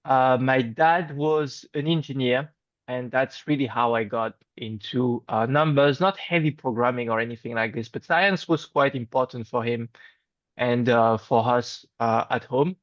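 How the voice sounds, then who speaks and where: This French guest on a casual video call chat has a mid-range voice and an unhurried pace, with no echo around him. His French accent comes through as he hesitates, restarts often and leans on fillers, all in a friendly manner, over dull lo-fi call audio.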